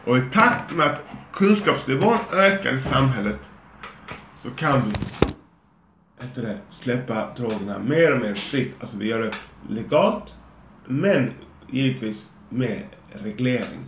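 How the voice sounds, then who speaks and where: A man's voice: mid-range voice, expressive. A man hosting his own show, ranting casually in a heated, profane, restless way. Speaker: host. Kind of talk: casual opinion rant. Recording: roomy, dull, faint background hum.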